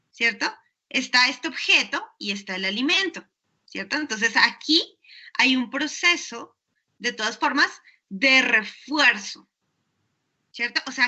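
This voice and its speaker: A woman's voice: high-pitched, bright, forceful tone, dull audio. A woman giving an online university class. She explains patiently and keeps checking in with her students. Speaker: university lecturer.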